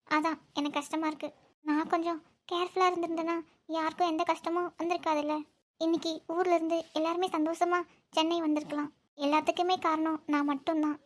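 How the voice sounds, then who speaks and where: A woman voicing a young village woman in a cartoon who teases and talks softly. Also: very high voice. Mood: remorseful. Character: young village woman, teasing then guilt-ridden. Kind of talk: cartoon voice acting.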